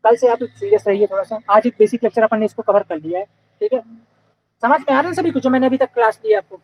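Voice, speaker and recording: A man's voice: extremely high pitch, lively intonation, fast talker, low-quality recording. A young man teaching a live online class in a casual, chatty way, often checking in with his students.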